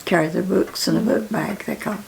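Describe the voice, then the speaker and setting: Woman in her 90s, Southern Appalachian accent, heavily creaky aged voice, halting plain reminiscence, slightly noisy room. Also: lowish voice, a little mellow. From Appalachia, United States. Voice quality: aged, gravelly voice. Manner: halting, repetitive, plain-spoken. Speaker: interviewee. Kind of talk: casual reminiscence.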